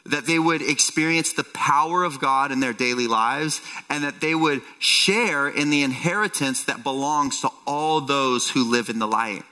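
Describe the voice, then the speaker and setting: A man's voice: mid-range voice, moderate pace, few pauses, pushed and bright. A man preaching a sermon as pastor at a pulpit microphone, teaching earnestly and quoting scripture. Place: church sanctuary with long reverb. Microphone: speaking at a pulpit microphone. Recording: long hall reverb, faint music.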